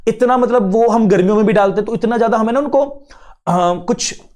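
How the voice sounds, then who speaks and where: A man with an Indian accent giving a casual classroom lecture, chatty and mixing English terms in, a bit unwell and low on energy. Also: a little fast, darkish tone. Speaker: teacher.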